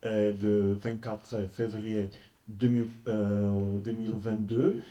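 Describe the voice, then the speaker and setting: A man from Poland speaking French with a foreign Polish accent, explaining as an expert panelist and often pausing to search for words. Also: fairly low pitch, little pitch movement, warm tone, highs cut off. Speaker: researcher on a debate panel.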